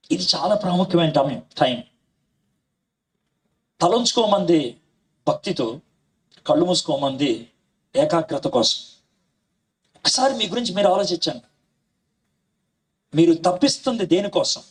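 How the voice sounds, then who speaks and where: A man's voice: fairly high pitch, expressive, moderate pace, long pauses, breathy edge, distant mic. A man preaching a sermon, telling a story and acting out the dialogue, then urging his listeners toward prayer.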